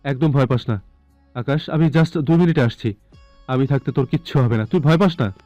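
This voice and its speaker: A man playing a frantic young man, shouting in desperation as he searches for his friend in an audio drama. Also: mid-range voice, normal speed, dry recording, dull audio, faint music behind, close to an everyday voice. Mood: urgent.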